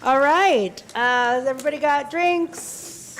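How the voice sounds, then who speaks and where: High-voiced woman chairing a meeting. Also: unhurried, a little hiss or hum. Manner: light and joking. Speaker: commission chair running the meeting.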